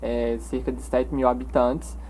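A young man from Paraíba, speaking with a Northeastern Brazilian accent, appears as a guest and page owner in a casual podcast interview. He talks proudly but stumbles over words, restarting often, in a medium-pitched, flat, slightly slow and somewhat mellow voice. The rough recording carries slight background noise.

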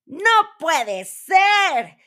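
A woman's voice: mid-range voice, expressive, slow, pushed and bright. A woman voicing a grotesque, greedy male dwarf who makes bossy, demanding bargains in a storybook reading. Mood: furious.

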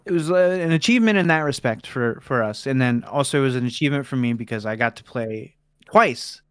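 A man's voice: medium pitch, a little fast, smooth, dry recording, studio quality. A man hosting a podcast, chatting casually and laughing easily, swearing now and then. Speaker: podcast host.

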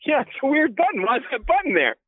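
Calling in by phone for a casual chat, this man has a very high voice with huge swings in pitch and talks fast. The old flip phone connection makes him sound thin, band-limited, dry and close, with no echo. His manner is relaxed and loose, packed with fillers and offhand swearing.

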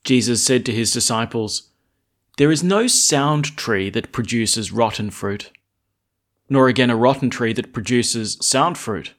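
A man, a priest, speaking at Mass in a church, deliberate when reading and conversational when explaining. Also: mid-range voice. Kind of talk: Gospel reading and informal homily at Mass.

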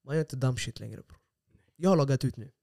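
A young man co-hosting a casual podcast, telling stories in animated, slangy street Swedish. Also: mid-range voice, gravelly, no room sound, clean studio sound. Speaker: podcast co-host. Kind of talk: casual chat. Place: small studio room.

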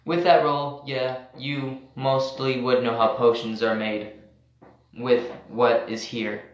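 A man running a tabletop game as game master and host, describing scenes plainly and unhurriedly, heard through a low quality voice-chat stream. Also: flat delivery, slow, dull audio. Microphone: computer mic over voice chat. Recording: echoey, noisy low-quality voice-chat audio.

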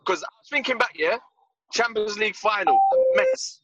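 A man's voice: high-pitched, expressive, a little fast, sharp tone, dull audio. A man with a London accent takes part in a casual football debate as a panellist, slangy and emphatic, often repeating himself. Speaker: podcast panellist.

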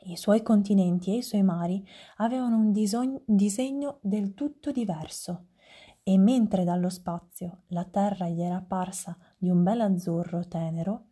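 A woman narrating a children's story aloud, with lively storytelling and small stumbles. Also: mid-range voice, slightly rough.

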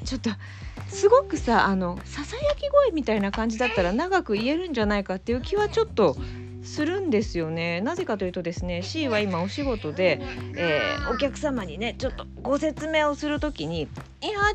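A woman's voice: a little high, big pitch swings, brisk, over music. A woman hosting a casual solo podcast as a mother, flustered and laughing as she pleads with her small child to stop interrupting.

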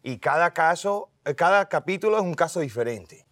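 Relaxed, slightly high-voiced male guest. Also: normal speed, no echo, clean studio sound. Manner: easygoing, switches between Spanish and English. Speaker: guest actor. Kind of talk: casual interview chat.

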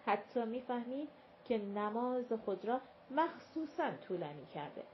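A woman reading a novel aloud in calm, measured scripted narration. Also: a little high. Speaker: audiobook narrator. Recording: dull lo-fi recording with faint hiss.

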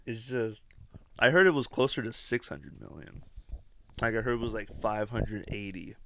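A man's voice: on the low side, normal speed, gravelly, fairly bright tone. A man chatting casually as a podcast co-host, explaining things in a rambling way and peppering his sentences with "like". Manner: says "like" a lot. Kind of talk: casual chat.

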